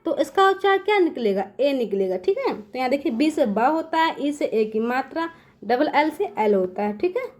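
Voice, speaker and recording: This woman's high, light voice is sing-song and a little mellow as she runs a beginners' English phonics class. She breaks letter sounds down step by step, keeps checking on the children, and slows to draw out every sound when spelling words.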